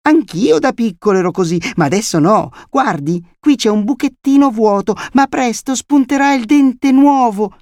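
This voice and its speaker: A man putting on a shrill, excitable little boy. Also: normal speed, hardly any pauses, no echo, studio quality. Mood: know-it-all. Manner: shrill, know-it-all. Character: excitable little boy losing milk teeth.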